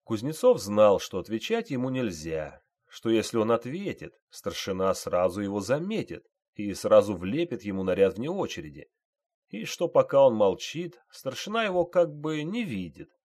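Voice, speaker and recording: A man reading a dramatic audiobook as narrator, in an expressive way. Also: lowish voice, moderate pace. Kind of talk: scripted narration.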